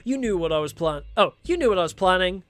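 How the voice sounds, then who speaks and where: A man's voice: sits high, animated, quick pace, a bit bright, no echo, faint music behind. A man voicing a brash, defiant young rebel daughter and mechanic in a dramatic story, blunt and sardonic.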